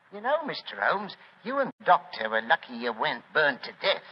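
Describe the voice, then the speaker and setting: An actor playing a deferential, plain-spoken police inspector in a 1940s radio drama. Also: male voice, on the high side, big pitch swings, moderate pace. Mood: chatty, relieved. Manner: chuckling, deferential. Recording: muffled, faintly noisy 1940s radio recording.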